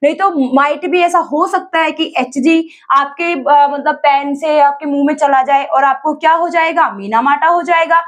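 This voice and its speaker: A woman's voice: high voice, measured pace, hardly any pauses. A woman with an Indian accent teaching an exam-prep lesson, calling her students children, asking them questions and answering them herself, and mixing English terms into her speech.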